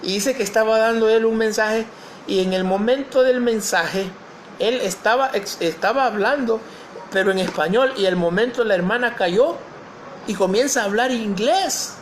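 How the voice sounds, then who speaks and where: Pastor preaching a sermon. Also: male voice, sits high, normal speed, slight background noise. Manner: preaching, asks the congregation questions and reads scripture aloud.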